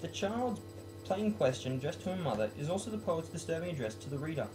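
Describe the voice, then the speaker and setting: A young man, late teens to young adult, is a student vlogger doing casual talk and poem reading in a small indoor bedroom. He's casual and low-key yet very animated, a fast talker with a self-mocking, jokey manner, on a rough recording.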